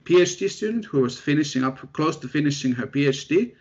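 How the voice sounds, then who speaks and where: A young man from Finland, a postdoctoral researcher telling his story in a relaxed, self-deprecating way as an interview guest. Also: fairly high pitch, fairly quick, husky. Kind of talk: casual interview chat. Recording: dull lo-fi audio.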